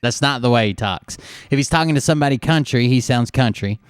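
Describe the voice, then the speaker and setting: A man's voice: medium pitch, fast talker, dry recording, studio quality. Blunt swearing man hosting. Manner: blunt, mocking, swears freely. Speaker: show host reacting to a clip. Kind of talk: casual profane commentary.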